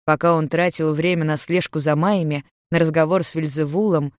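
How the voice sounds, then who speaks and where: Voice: mid-range voice, steady tone, brisk, no echo, clean studio sound. A narrator reading a fantasy story aloud.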